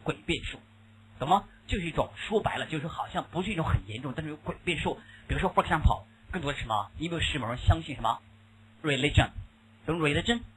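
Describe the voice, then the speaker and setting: A man's voice: a little high, lively intonation, fast, a bit bright, a little hiss or hum, rough recording. A man teaching an English lesson in Mandarin Chinese, mixing in English words and often asking the class questions, with a Mandarin Chinese accent. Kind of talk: classroom lecture.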